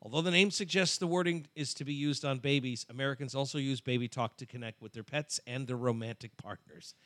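A man's voice: medium pitch, brisk, a bit bright, dry recording. A man co-hosting a casual podcast, reading out poll figures in a dry, matter-of-fact way. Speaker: co-host.

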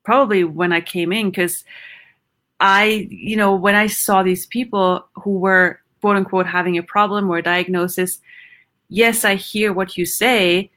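A middle-aged woman from Austria speaks as an interview guest. Her voice is bright and clear, and she talks animatedly, laughing often and pausing to search for words. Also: mid-range voice, fairly even intonation. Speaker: psychologist guest. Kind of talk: conversational interview.

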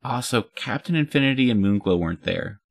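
A man's voice: mid-range voice, lively intonation, brisk, creaky, pitched above the performer's own voice. A man reading the lines of a confident superhero woman with a dry, teasing manner.

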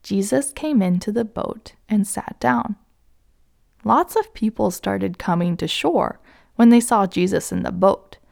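A woman tells a children's story in an unhurried, gentle way. Now and then she turns to the young listener with a question. Her voice is mid-pitched with a light gravelly texture.

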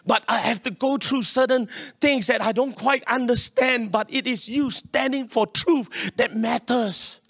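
A man's voice: very high-pitched, a little slow, creaky, few pauses, a bit bright, no echo, studio quality. A man with a Singaporean accent preaching a sermon in colloquial Singlish, emphatic and repetitive, telling personal stories and seeking responses from his listeners. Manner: colloquial Singlish with particles like leh, eh and huh; emphatic, repeats phrases and seeks audience response. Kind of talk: sermon with personal anecdotes to a congregation.

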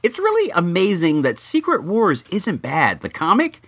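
A middle-aged man talks casually as a toy review host, mixing nostalgic stories with wry commentary. His pitch moves around in a lively way. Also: moderate pace. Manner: conversational, wry. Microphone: microphone in a room.

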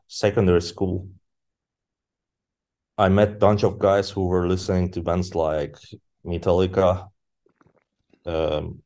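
Guy in his 30s, pretty deep and mellow, talks slow and halting with lots of ums. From Turkey. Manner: halting, searching for words with many fillers. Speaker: guest musician. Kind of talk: casual interview chat.

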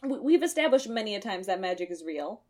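A woman's voice: mid-range voice, big pitch swings, quick pace, darkish tone. A woman with a Midwestern American accent co-hosting a podcast in casual chat, playful, laughing often and correcting details. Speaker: podcast co-host.

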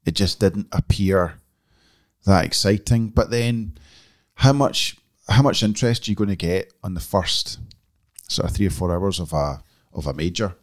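A man's voice: low-pitched, moderate pace. A man with a Glaswegian Scottish accent, chatting casually and wryly on a podcast. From Glasgow, Scotland. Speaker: magazine editor, podcast guest. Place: small office room.

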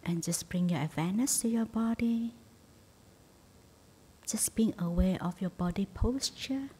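A meditation teacher leads a guided meditation in a medium-pitched voice that is soft, breathy and husky, often near a whisper. Her instruction is gentle, soothing and unhurried, with long pauses.

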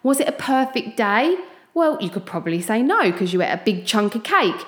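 A woman's voice: a little high, sing-song, normal speed. A woman with an Essex accent hosting a chatty solo motivational podcast, talking informally and straight to her listeners. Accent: Essex English. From Essex, England. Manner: informal pep talk addressed straight to listeners. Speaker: podcast host. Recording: echoey room.

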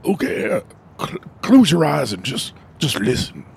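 A man's voice: fairly high pitch, sing-song, a little slow, vocal fry, slightly rough, full character voice. An actor playing a scruffy, erratic man who was fired from his job, rambling and stammering over his words. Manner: rambling, stammering, self-important.

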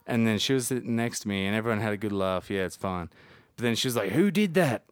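A man's voice: on the low side, fairly even intonation, quick pace, smooth, no echo. An Australian man chatting casually as a podcast guest, dry and laconic, with blokey Aussie slang. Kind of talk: casual comedic chat.

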